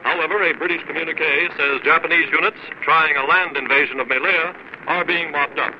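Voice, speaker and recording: A man announcing news bulletins in a brisk, formal 1940s radio style, heard as an old archival broadcast. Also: fairly high pitch, steady tone. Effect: old archival radio broadcast sound. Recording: dull noisy 1940s radio recording.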